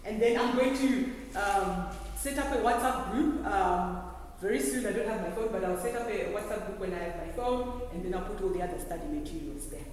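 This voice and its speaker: A woman giving a classroom lecture, explaining step by step and often pausing to check that students understand. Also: mid-range voice, darkish tone. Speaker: lecturer teaching trainee early childhood teachers. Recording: very echoey hall, distant mic, faint noise.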